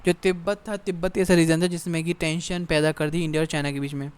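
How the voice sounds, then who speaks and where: A young man teaching an exam-prep lesson, reading English text slowly and then explaining it casually with frequent check-ins. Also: fairly high pitch, level tone, a little mellow, clean tone. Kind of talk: exam-prep lecture in Hindi mixed with English.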